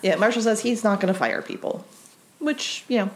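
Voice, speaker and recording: A woman co-hosting a podcast in casual recap chat, animated, laughing often and saying "like" a lot. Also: medium pitch, moderate pace. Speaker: podcast co-host.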